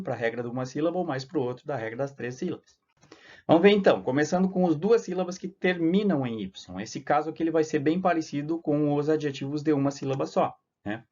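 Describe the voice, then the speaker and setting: A man's voice: mid-range voice, a little mellow. A man with a Brazilian Portuguese accent teaching an English grammar lesson over slides, explaining step by step and checking in with short tag questions. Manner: explains step by step, many "tá?" and "né?" tags. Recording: slightly dull lo-fi audio.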